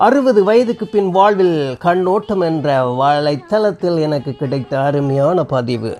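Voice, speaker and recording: Slow, emotional man reading a story. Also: high-pitched, expressive, darkish tone. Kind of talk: slow heartfelt narration.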